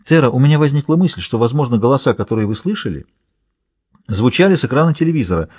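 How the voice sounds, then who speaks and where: A man voicing a calm woman police interviewer who asks mild, coaxing questions. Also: mid-range voice, quick pace, husky, no echo. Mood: gentle.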